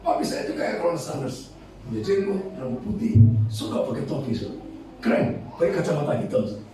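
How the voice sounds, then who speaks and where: A man's voice: on the high side, sing-song, fast, dark tone, soft background music. A middle-aged male pastor with a Medan Batak accent, preaching with jokes and stories and laughing along with his congregation. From Medan, North Sumatra. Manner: humorous storytelling, laughing, addresses congregation as "saudara". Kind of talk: sermon. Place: large church hall. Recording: echoey church hall, from far off.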